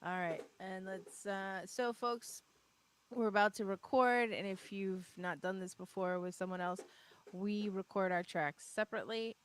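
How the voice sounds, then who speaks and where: A woman co-hosting a live podcast broadcast, talking casually, upbeat and often laughing. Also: medium pitch. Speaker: podcast co-host. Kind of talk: casual live-stream chat.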